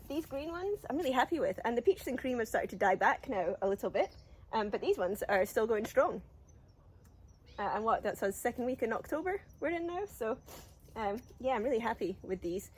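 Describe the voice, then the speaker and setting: Her medium-pitched voice slightly rough from a cold, a gardening vlogger sniffles a bit while casually touring her allotment garden. She fills her talk with ums and little laughs.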